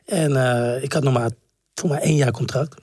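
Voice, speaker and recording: A man in his forties, a former footballer, telling stories in a casual interview with a husky voice that cracks at times and many fillers. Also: medium pitch, steady tone, normal speed, a little mellow, dry recording, clean studio sound. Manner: rambling storyteller, many fillers and restarts. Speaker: guest, former professional footballer.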